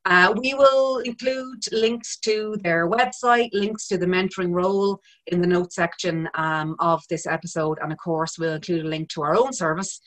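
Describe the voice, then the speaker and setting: A woman's voice: lowish voice, normal speed, few pauses, a bit bright. A woman with an Irish accent presenting and interviewing on a podcast in a conversational style.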